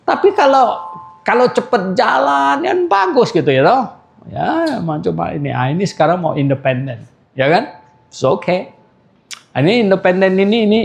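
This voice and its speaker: Older male pastor, gravelly voice on the higher side, chatty sermon with jokes and questions to the congregation. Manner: chatty storytelling with laughs and call-and-response. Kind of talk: anniversary sermon.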